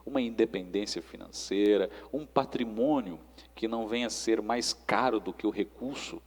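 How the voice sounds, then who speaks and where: Speaking with a Brazilian Portuguese accent, this man sounds like a preacher chatting with his audience, urging and teaching while frequently seeking agreement. His husky, creaky voice is fairly low and moves at a normal speed, trailing off into a long reverb.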